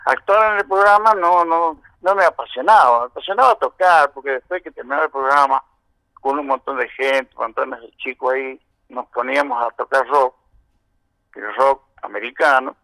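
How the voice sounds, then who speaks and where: A man's voice: medium pitch, moderate pace, vocal fry, sharp tone, no echo, rough recording. A man in his seventies with an Argentine accent, a veteran musician recounting his early years in a long, winding interview answer full of "este" and "eh". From San Juan, Argentina. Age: 70s.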